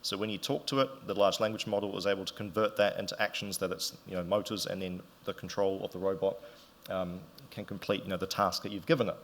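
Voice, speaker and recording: A man's voice: deep voice, fairly even intonation, quick pace. A man giving a casual conference talk, chatty with fillers and restarts. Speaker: conference presenter. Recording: reverberant hall.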